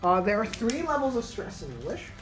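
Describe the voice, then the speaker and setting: A woman's voice: fairly high pitch, sing-song, fairly quick, echoey room, soft background music, rough recording. A woman teaching English pronunciation in a casual lesson, thinking aloud with many fillers and self-corrections.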